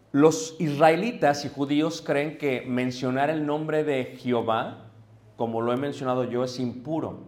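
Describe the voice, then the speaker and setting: A man preaching to a congregation, explaining things patiently and often stopping to check whether his listeners are following. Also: medium pitch. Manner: addresses listeners directly, checks in with "ok?". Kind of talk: sermon teaching to a congregation. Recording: echoey room.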